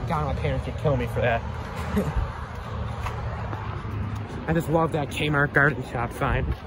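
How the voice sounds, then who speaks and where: A man walking outdoors along a fence, talking casually to his phone camera in a rambling way, often restarting his sentences. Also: a little high. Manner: rambling, repeats himself, frequent restarts. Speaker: vlogger exploring closed stores. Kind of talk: casual filmed walkaround commentary. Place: outdoors by a fenced empty parking lot near busy road. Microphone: phone camera held by the speaker. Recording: phone video with loud traffic noise. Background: passing traffic.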